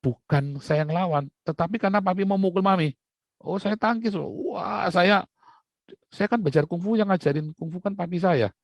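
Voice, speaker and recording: Middle-aged male preacher, lively storytelling sermon, slightly dull dry recording. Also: sits high, normal speed, vocal fry, dry recording. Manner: animated storytelling, rising loud when recounting fights. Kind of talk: sermon with personal stories.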